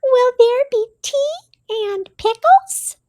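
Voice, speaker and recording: Casting: a woman voicing a tiny gray storybook mouse, squeaky and very high, with eager little questions. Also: expressive, slow, warm tone, no echo, clean studio sound, exaggerated voice. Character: small gray cheerful male mouse.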